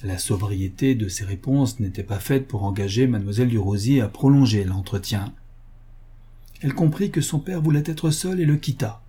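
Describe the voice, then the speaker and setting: Male narrator, steady, dark husky voice. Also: mid-range voice, normal speed. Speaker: audiobook narrator. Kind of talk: scripted narration.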